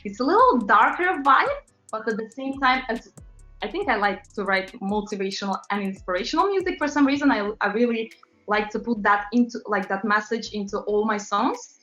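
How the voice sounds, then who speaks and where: A Latvian pop singer chats casually as an interview guest, her voice on the high side with lively intonation, a sharp tone and a fairly quick pace. She fills her talk with fillers and laughter. The recording sounds roomy, dull and lo-fi, with faint music underneath.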